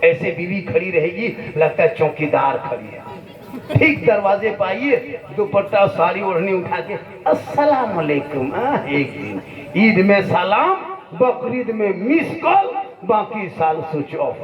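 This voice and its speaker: High-voiced preacher man, slow and echoey. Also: sing-song. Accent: Jharkhand Hindi. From Jharkhand, India. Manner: joking, rhetorical, repeats phrases for emphasis. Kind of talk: humorous religious sermon. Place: conference stage before a crowd. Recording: echoey distant dull crowd recording.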